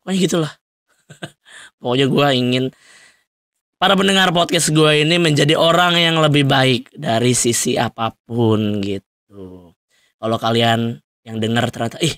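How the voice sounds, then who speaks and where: A man's voice: mid-range voice, a little slow, fairly bright tone, no echo, studio quality. A young man hosting a solo podcast, talking loosely and rambling with frequent fillers and laughs. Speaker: podcast host. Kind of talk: solo casual podcast monologue.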